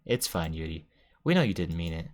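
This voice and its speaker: Man reading a gentle game club president: soft, low. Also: big pitch swings, a little fast. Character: calm teenage girl club president.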